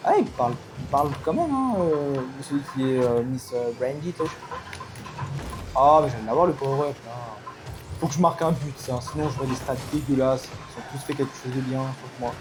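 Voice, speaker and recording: A gamer commenting live on an online match, excitable, swinging from low mutters to loud outbursts. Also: a little fast, noisy background. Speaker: gaming commentator.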